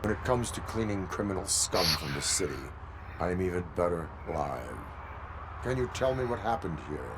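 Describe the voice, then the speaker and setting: A stern cyborg policeman in a video game. The voice is low and formal, laying down the law with deadpan moralizing. There is clear street noise behind it. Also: moderate pace. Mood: cool, businesslike. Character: stern male cyborg police officer, literal and unbending.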